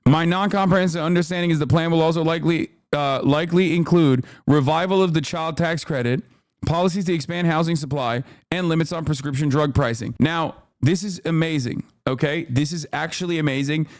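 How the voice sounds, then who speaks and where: A man's voice: fairly high pitch, fairly quick, no echo, clean studio sound. A man live-streaming political reaction commentary, talking in a profane, emphatic way and often tagging "okay?" onto his points.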